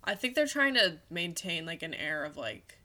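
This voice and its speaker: A woman's voice: fairly low pitch, sing-song, normal speed, bright, forceful tone. A woman co-hosting a casual podcast, rambling and hesitant, with many "like"s. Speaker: podcast co-host. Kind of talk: casual chat about a TV show.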